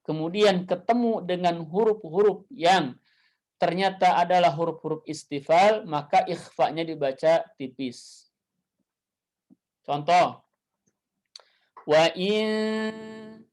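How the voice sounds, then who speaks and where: A man with an Indonesian accent teaching Quran recitation, chanting Arabic verses slowly and then explaining them, asking questions and answering them himself. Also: a little high, a little mellow. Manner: repeats key points and asks himself questions. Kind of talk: classroom lesson on Quran recitation. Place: classroom with a whiteboard.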